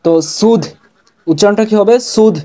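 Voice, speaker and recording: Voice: medium pitch, moderate pace, a little mellow. A language teacher giving an online lesson, patiently drilling pronunciation and repeating each syllable, asking and then answering.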